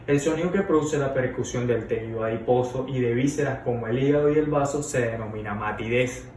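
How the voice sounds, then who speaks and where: A man explaining an abdominal examination as a lesson, often pausing with fillers and restarting words. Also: medium pitch, darkish tone. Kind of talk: medical demonstration lesson. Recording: roomy, distant mic with faint noise.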